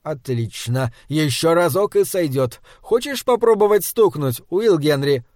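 A man doing a gruff, mocking monster hunter. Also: fairly high pitch, lively intonation, a little slow, a little mellow, no echo, clean studio sound. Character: brusque sardonic grown male monster hunter. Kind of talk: audiobook reading.

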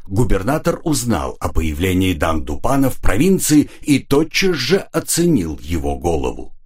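An audiobook narrator reads an adventure novel aloud with expressive, dramatic delivery. His voice is fairly low and slightly rough.

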